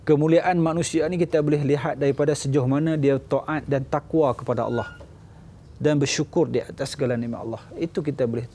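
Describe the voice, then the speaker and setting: A man with a Malaysian Malay accent, a religious teacher giving a lively sermon and acting out little scenes. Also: a little fast, a little hiss or hum. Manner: animated, acts out little scenes, jumps to high voices. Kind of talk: lively sermon with acted dialogue.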